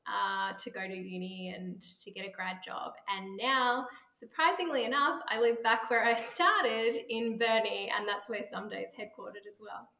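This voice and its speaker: Bright, gravelly Australian woman guest. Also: medium pitch, steady tone, moderate pace, few pauses, echoey room, low-quality recording. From Tasmania, Australia. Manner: chatty, laughs often between phrases. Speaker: startup co-founder, guest. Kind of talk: casual interview answers.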